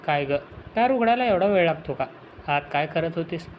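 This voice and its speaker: A man's voice: on the high side, lively intonation, moderate pace, a little hiss or hum, natural voice. A man voicing a drunk, abusive middle-aged uncle who talks harshly and scornfully in an audio story. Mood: angry.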